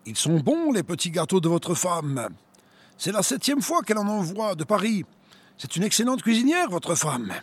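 A man's voice: high voice, big pitch swings, normal speed, husky, heavily acted. A man voicing a sadistic male camp commandant in a gloating, mock-friendly way.

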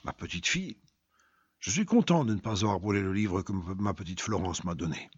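A man voicing a gloomy drunken man in a low, muttered tone. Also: expressive, fairly quick, fairly bright tone, slightly rough, no room sound. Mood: subdued. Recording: dull lo-fi recording.

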